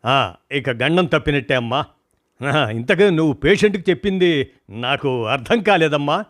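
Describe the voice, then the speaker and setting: Steady middle-aged doctor guy giving orders to the family, a bit higher than normal talk, dry close sound, man reading it out. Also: moderate pace, no room sound. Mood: calm, directing. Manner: steady, reassuring, gives firm instructions. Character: calm middle-aged male hospital doctor, in charge.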